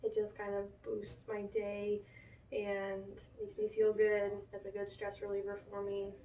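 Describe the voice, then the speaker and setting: Woman client talking in a therapy session, mid pitch, far from the mic, kinda dull sound. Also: monotone, unhurried, mellow. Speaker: client in a therapy role play. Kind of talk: casual spoken reflection in a counseling session. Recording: echoey, distant, muffled, faint noise.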